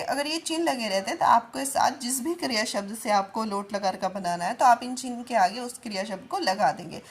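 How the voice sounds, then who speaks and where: A woman's voice: a little high, slightly rough. A woman teacher, reading Sanskrit lines aloud and then explaining each one in a lesson.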